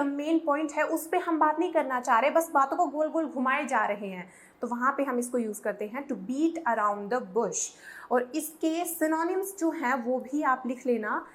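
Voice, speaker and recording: High-voiced woman teaching English idioms. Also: moderate pace. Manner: patient, spells words out letter by letter; switches between Hindi and English. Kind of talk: Hindi-English language lesson.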